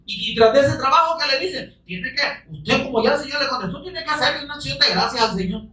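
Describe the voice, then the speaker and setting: A man delivers a fervent sermon, swinging into shouts and pressing his listeners with questions. He sounds set back from the microphone. The room rings with echo around him. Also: very high-pitched, animated, fast, far from the mic. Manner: fervent, bursts into shouting, pleads with rhetorical questions. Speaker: preacher. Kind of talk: evangelical sermon.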